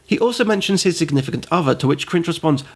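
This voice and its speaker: A man's voice: a little high, expressive, fast. A man narrating a comedic game review, sarcastic and prone to tangents. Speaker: host and reviewer.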